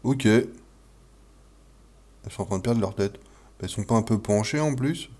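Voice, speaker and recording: A man giving casual commentary while playing a horror game, jumpy, expressive and self-mocking, with swearing. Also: lowish voice, moderate pace. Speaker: video game player and video maker.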